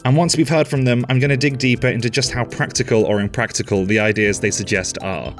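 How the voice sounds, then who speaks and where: A man hosting a podcast, reading scripted narration in a measured, explanatory way. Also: mid-range voice, steady tone, soft background music. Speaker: podcast host.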